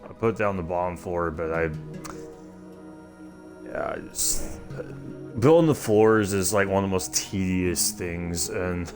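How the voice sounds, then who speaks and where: Low, nasal young-sounding male streamer. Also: unhurried, long pauses, darkish tone. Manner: rambling, loose, full of fillers and restarts. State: stuffy from allergies. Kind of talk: casual gaming livestream commentary. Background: music.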